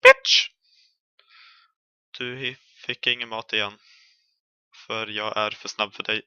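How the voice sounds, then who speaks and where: A man's voice: lowish voice, level tone, sharp tone, clean tone, no echo, lo-fi sound. A young man with a Swedish accent giving chatty, jokey commentary while playing a horror game, yelping when chased. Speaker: gaming streamer.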